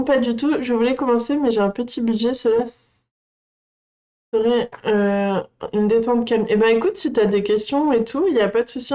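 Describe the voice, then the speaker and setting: A woman hosting a coloring channel, gushing and excitable as she unboxes on a casual livestream and chats to her viewers. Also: a little high, rough recording.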